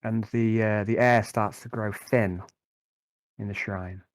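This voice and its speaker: A man narrating a tabletop game as game master, improvising in a conversational, halting way and often repeating words. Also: fairly low pitch, steady tone, no room sound.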